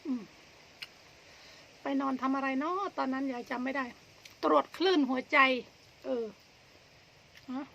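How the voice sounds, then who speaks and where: A middle-aged woman with an Isan Thai accent chats casually to viewers while chewing, pausing between short, rambling phrases. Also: high-pitched, fairly even intonation, vocal fry, a bit bright. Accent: northeastern Thai (Isan). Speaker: vlogger. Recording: dull lo-fi audio with background noise.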